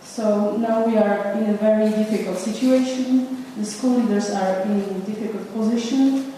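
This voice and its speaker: A woman from the Republic, speaking at a conference in a measured, slightly halting way. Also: medium pitch, warm tone, a little hiss or hum. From Czech Republic. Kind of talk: panel statement. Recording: echoey hall from far off.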